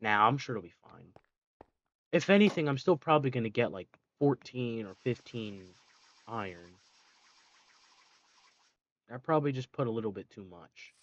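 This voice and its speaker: A man's voice: medium pitch, lively intonation, normal speed, long pauses, lo-fi sound. A man giving casual gameplay commentary, rambling, correcting himself mid-sentence and dropping sarcastic asides. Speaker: let's play gamer.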